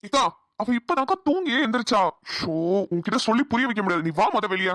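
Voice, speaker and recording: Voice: mid-range voice, big pitch swings, fast talker, fairly bright tone, no room sound, studio quality. A voice actor playing an impatient, dismissive younger brother in a cartoon. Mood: exasperated. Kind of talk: cartoon voice acting.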